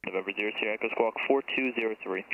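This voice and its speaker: A man's voice: fairly low pitch, very fast, a crowd in the background. A man working as a tower controller, giving clipped, procedural air traffic control calls over an aviation radio. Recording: tinny narrowband aircraft radio with noise.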